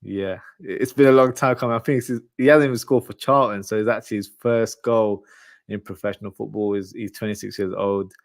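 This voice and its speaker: Hosting a relaxed live football preview, this man chats directly and informally with his viewers and reads their comments. He comes from a Lahore-based Pakistani family and grew up speaking Urdu at home. His low voice is fairly even and brisk, with vocal fry and no echo.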